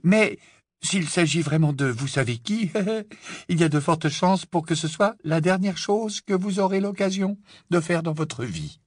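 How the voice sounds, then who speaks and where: Man voicing a young joker radio guy, mock-solemn and teasing, a bit high and husky, dry audiobook read. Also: expressive, unhurried, dry recording. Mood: mock-serious. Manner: mock-serious, playful. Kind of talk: audiobook character voice.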